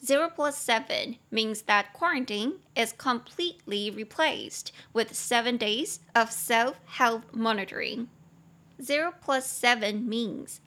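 A woman in her twenties with a Taiwanese Mandarin accent, hosting a casual podcast English lesson and slowly repeating words as she explains them. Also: a little high, fairly bright tone. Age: 20s. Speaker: English teacher podcast host.

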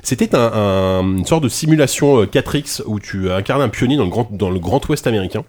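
Fast-talking man with a low voice. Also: animated, a little mellow. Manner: rambling, many restarts and fillers, laughs often. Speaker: podcast host. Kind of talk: casual video game podcast chat.

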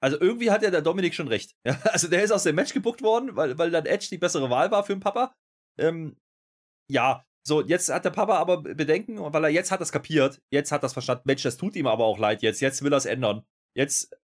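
A man co-hosting a casual wrestling recap, dry and joking, dropping low for asides. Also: animated, fast. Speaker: podcast co-host.

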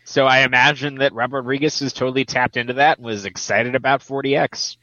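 A man's voice: mid-range voice, fairly even intonation, fast talker, bright, forceful tone, no room sound. A man co-hosting a podcast, chatting casually about a movie with wry joking asides. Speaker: podcast co-host. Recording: slightly dull lo-fi mic.

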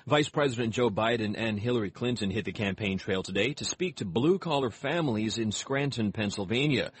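A man with a husky voice reading a scripted radio news bulletin as an anchor. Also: lowish voice, fairly quick.

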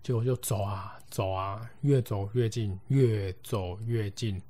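A man's voice: lowish voice, steady tone, a little slow, mellow. A man with a Taiwanese Mandarin accent hosting a podcast, telling a ghost story casually and acting out the voices of the people in it. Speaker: podcast host.

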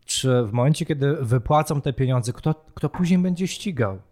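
A man with a voice of average pitch who cuts in with short, dry, sarcastic quips. He speaks in a teasing, casual way during the podcast back-and-forth. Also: animated, moderate pace, darkish tone. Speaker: podcast co-host.

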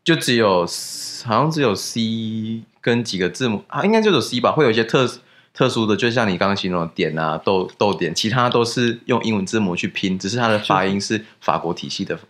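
A man's voice: on the low side, expressive, a little fast, a bit bright. A young man, a guest in a casual podcast chat, who explains things at length and laughs easily.

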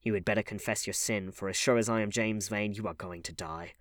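A man voicing a rough, vengeful sailor in an audiobook, blunt and growling, prone to muttering. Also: on the low side, steady tone, a little fast, fairly bright tone, dry recording, studio quality, close to an everyday voice. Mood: growling menace. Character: rough, vengeful working sailor, menacing then shaken.

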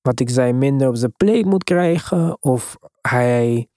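Slow and relaxed, the man hosting this sports podcast has a darkish voice pitched in the middle range. He chats casually but with emphasis, mixing in English sports vocabulary, and the sound is close and dry with no room sound.

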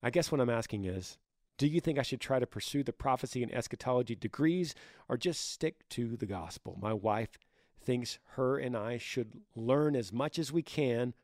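Raspy, gravelly-voiced man, dry close sound. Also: medium pitch, a little mellow, no echo. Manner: earnest, brotherly, careful hedging with restarts. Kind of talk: reading a listener's email and replying with informal advice.

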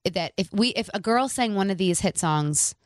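A country singer in her thirties from the American Midwest guests on a radio show, chatting casually and bubbly, laughing often. Her mid-range voice has lively intonation and a moderate pace. The studio microphone gives clean, echo-free sound.

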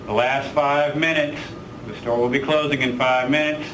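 A man speaks over the in-store loudspeaker, calling out a closing sale item by item. His voice sits at an everyday mid pitch and rings with echo through a large store. Loud background noise fills the space around him. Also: steady tone. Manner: plain, listing items, brief pauses. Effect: store loudspeaker announcement. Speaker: store announcer.

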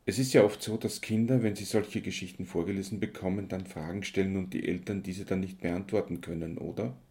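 A man hosting a radio interview, asking questions and presenting in a measured manner. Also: deep voice, fairly even intonation, warm tone, slightly rough. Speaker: radio host.

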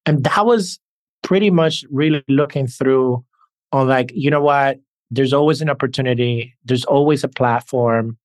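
Podcast guest, male, from the Dominican Republic, mid-pitched, earnest storyteller, dry close sound. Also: moderate pace, no echo. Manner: earnest, reflective, talks in anecdotes. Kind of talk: conversational interview storytelling.

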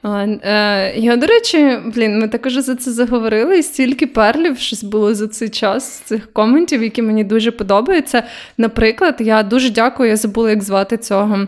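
A woman's voice: a little high, fairly quick. A young woman with a Ukrainian accent co-hosting a casual podcast, teasing and laughing, with hesitant fillers. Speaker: podcast co-host. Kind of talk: casual chat.

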